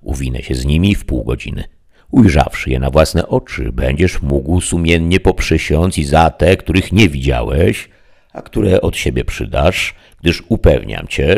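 A man's voice: very deep voice, lively intonation, normal speed, vocal fry, a little mellow, heavily acted. A man voicing a lofty, solemn old knight in a stately, declamatory manner, reading an audiobook.

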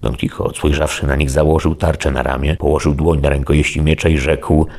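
A man reads a classic novel aloud in a measured, solemn way. His voice is extremely deep, with a gravelly, fry-laden texture. The narration is steady and scripted. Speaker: audiobook narrator.

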